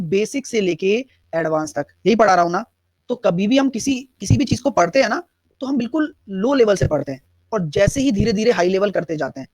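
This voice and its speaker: A man's voice: high voice, no echo. A man teaching a live online math class, explaining step by step and answering students' chat questions. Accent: Hindi-English mix.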